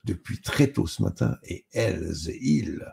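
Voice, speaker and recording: Man reading as a teasing jolly chef, mock-stern, deep gravelly voice, storybook. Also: expressive, a little slow, darkish tone, exaggerated voice. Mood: genial. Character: male master chef, teasing and jovial.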